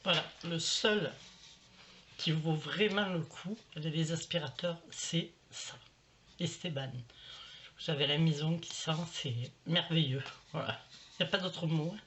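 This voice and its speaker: A woman's voice: low-pitched, a little slow, fairly bright tone. A middle-aged woman chatting casually to camera at home, rambling and full of fillers as she shows her shopping. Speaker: vlogger showing a shopping haul. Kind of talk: casual haul chat to camera. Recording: slightly dull home recording with faint noise.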